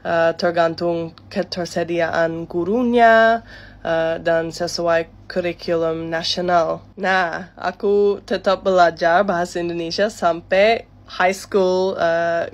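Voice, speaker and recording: A woman in her thirties, a native English speaker, casually explains things in Indonesian, dropping in English words and tagging her points. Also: on the low side. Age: 30s. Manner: explanatory, ends points with soft tags, mixes in English words.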